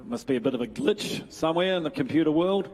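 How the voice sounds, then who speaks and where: A middle-aged New man calls a live auction in a high, ringing voice, rattling off bids in a fast sing-song chant and breaking off for dry jokes. His voice carries a long reverb from a large sales hall. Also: expressive, a little mellow. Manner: rapid rhythmic bid chant with joking asides. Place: large indoor sales ring.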